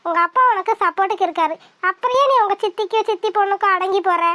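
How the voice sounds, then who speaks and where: A woman voicing a bold, lively young village girl in a cartoon, who speaks outspokenly. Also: extremely high pitch, very fast, no echo. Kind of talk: cartoon voice acting.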